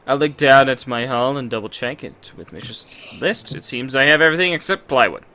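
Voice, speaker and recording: A man reading a visual novel aloud and bantering, animated and quick to shout in mock outrage. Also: medium pitch. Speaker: let's play host.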